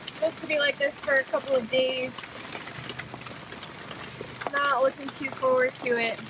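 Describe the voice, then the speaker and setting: A woman's voice: sits high, steady tone, normal speed, background noise. A young woman chatting casually on a sailboat at sea, filmed with a camera held at arm's length. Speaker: sailing vlogger. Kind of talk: casual chat.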